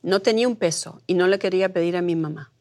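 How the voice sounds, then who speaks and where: Middle-aged Argentine woman, interview guest, animated storyteller who acts out quotes. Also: on the low side, fast. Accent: Argentine Spanish. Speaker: guest, producer. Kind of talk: conversational interview.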